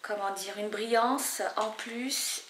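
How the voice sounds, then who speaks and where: A woman's voice: medium pitch, fairly even intonation, slow pace, fairly bright tone, slight background noise. Chatty young woman vlogging hair tips. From French Guiana. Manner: chatty, rambling, many fillers. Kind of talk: casual hair tutorial. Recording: echoey room.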